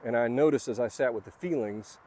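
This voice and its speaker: A man's voice: medium pitch, a little fast, a little mellow. A man talking casually from his notes about personal spiritual lessons, earnest and rambling, with fillers and restarts. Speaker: vlogger sharing spiritual lessons. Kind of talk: casual reflective monologue from notes.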